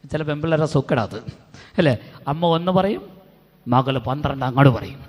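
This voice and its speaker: A middle-aged man from Kerala with a Malayali accent, giving an animated retreat talk to youth and acting out the people in his stories. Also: fairly high pitch, brisk. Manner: animated storytelling with acted quotes. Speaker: retreat preacher. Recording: long hall reverb.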